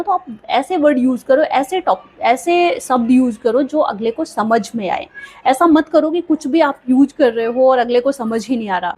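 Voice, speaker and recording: A young woman with a slightly high, husky voice gives encouraging tips on speaking well. She talks to her viewers conversationally and keeps checking in with them as she explains. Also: a little mellow. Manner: encouraging, conversational, frequent "theek hai" check-ins. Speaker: speaking coach, video creator. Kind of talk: motivational tips talk to camera.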